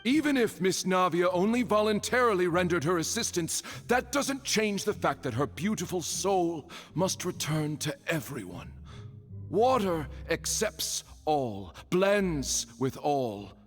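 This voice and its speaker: An actor playing a sanctimonious, insistent court accuser in a video game, with grandiose declamatory delivery. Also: male voice, sits high, big pitch swings, measured pace. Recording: long hall reverb, music underneath.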